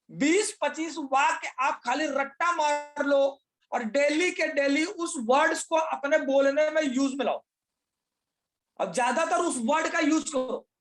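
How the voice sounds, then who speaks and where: Male trainer, high voice, lecture delivery that asks and answers its own questions. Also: fairly bright tone. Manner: explains step by step, repeats phrases, mixes Hindi with English words. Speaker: leadership trainer. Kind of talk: motivational class lecture.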